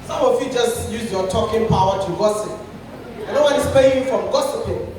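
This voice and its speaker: A man giving a lively motivational talk to an audience, animated, repeating himself and laughing often. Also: high voice, a little fast, noisy background. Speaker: speaker at a creators' session. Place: indoor event room with audience. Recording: echoey event hall, from far off.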